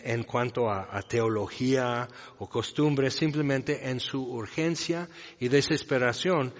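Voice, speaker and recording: A man preaches a sermon in a large reverberant hall, as if in a church. He talks through the passage in a loose, explanatory way, often turning to the listeners with questions. The sound is muffled and lo-fi, and a long echo trails after each phrase. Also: medium pitch. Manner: conversational, explaining a passage with asides and rhetorical questions. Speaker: pastor.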